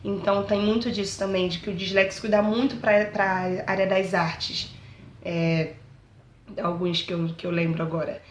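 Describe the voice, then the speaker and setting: A Brazilian woman speaks casually and earnestly about her own experience. She keeps checking that the listener is following and pleads warmly with teachers. Her mid-pitched voice rings out in a roomy, echoing space. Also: flat delivery, moderate pace, slight background noise. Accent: Brazilian Portuguese. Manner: chatty, keeps asking "entendeu?". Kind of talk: casual personal talk to camera.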